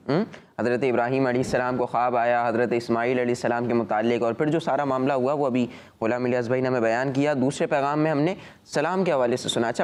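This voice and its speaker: A man's voice: medium pitch, a little mellow, slight background noise. A man co-hosting a children's TV show, speaking emphatically to the children and putting questions to them. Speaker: co-host of a children's religious show. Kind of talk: addressing children, studio talk.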